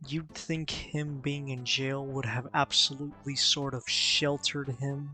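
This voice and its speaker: Man, mocking commentary host, even intonation, forceful bright voice, faint music. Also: medium pitch.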